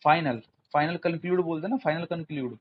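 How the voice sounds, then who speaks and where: A man's voice: on the high side, fast talker, lo-fi sound, a little hiss or hum. A man hosting a casual exam-prep vocabulary lesson, repeating words and quizzing viewers with rhetorical questions to build memory tricks. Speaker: exam tutor, channel host. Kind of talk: informal vocabulary lesson with mnemonics.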